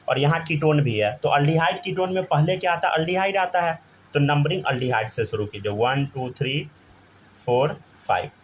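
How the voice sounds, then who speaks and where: A man's voice: a little high, slight background noise. A man teaching a chemistry class, constantly prompting students to answer and checking they follow. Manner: keeps asking students to answer, often says "theek hai". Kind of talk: live classroom lesson.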